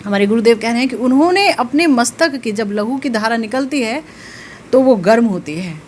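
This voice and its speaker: A woman spiritual teacher giving a devotional discourse, telling a sacred story slowly and with rising emotional emphasis. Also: fairly high pitch, lively intonation, a little mellow, a little hiss or hum.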